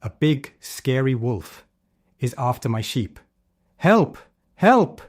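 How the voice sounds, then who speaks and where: A man voicing a playful, mischievous young shepherd boy in a children's storybook, shouting in a raised voice. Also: fairly even intonation, unhurried, no echo, clean studio sound, natural voice. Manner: shouting, giggling, high-pitched.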